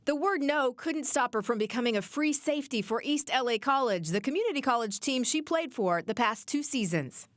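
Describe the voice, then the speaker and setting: A woman's voice: high-pitched, expressive, brisk, few pauses, no room sound. A woman reporter narrating a sports news package in a punchy, scripted way.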